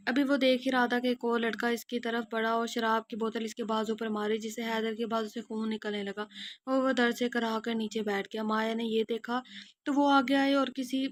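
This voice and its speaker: A woman narrating a romance audio novel, reading steadily and sometimes correcting herself. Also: on the high side. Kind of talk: scripted narration.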